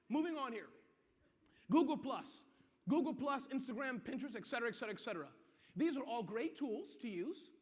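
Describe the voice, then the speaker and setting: A man giving an interactive business seminar to a live audience, energetic and constantly checking that people follow him. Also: very high voice. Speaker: seminar presenter. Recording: muffled, echoey hall.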